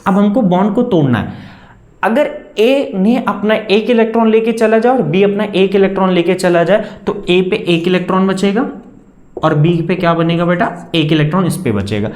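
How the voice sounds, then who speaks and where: A man with a high, slightly mellow voice teaches a chemistry class in an echoey room. He coaxes his students, addressing them as "beta," answers the questions he poses, and dictates definitions one word at a time.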